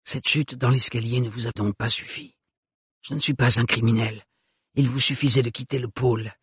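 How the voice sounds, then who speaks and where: A man voicing a stiff, cold male steward turned villain, speaking in a hushed, hissing way. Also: medium pitch, fairly even intonation, moderate pace, husky, dry recording, clean studio sound. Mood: menacing.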